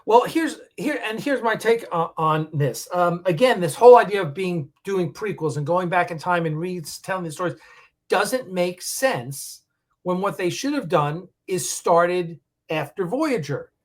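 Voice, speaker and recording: A man's voice: high-pitched, expressive, a little slow. A man in his sixties hosting a podcast, giving his opinion in an emphatic, firm way. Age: 60s. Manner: emphatic, firm, with repeated openers. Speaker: podcast host. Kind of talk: casual opinionated chat.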